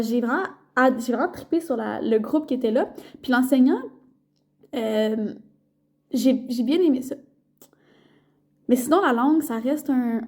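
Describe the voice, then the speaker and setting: A woman's voice: on the high side, mellow. A young woman from Quebec with a Québécois accent, a student intern chatting casually in a rambling vlog with many fillers and restarts. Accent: Québécois French.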